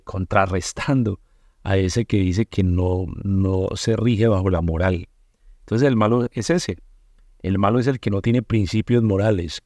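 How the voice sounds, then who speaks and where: Pastor, male, low mellow voice, dry sound, patient explainer who answers his own questions. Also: dry recording. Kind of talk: bible study teaching.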